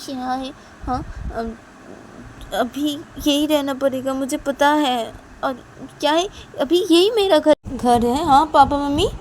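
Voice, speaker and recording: Woman playing a young wife, high, loud, whiny, very lively, traffic noise. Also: measured pace. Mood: pouting. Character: young married woman, emotional and pouting.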